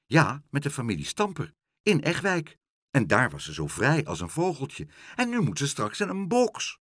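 A man's voice: medium pitch, huge pitch swings, normal speed, fairly bright tone, no room sound, studio quality, voice pushed up. A man voicing a small, earnest boy in a storybook reading, indignant and outraged. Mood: pleading.

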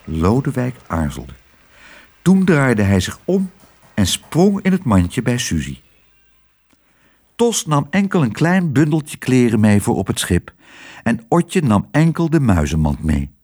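A man's voice: mid-range voice, big pitch swings, a little slow, darkish tone. A man narrating a children's storybook expressively, switching between character voices. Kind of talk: storybook reading.

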